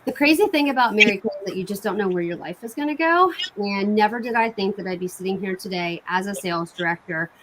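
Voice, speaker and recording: Woman, medium pitch, informal sales host, chatty and enthusiastic, casual live-stream pitch, noisy home recording. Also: expressive, fast talker, hardly any pauses, fairly bright tone. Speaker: cosmetics sales consultant hosting online bingo night.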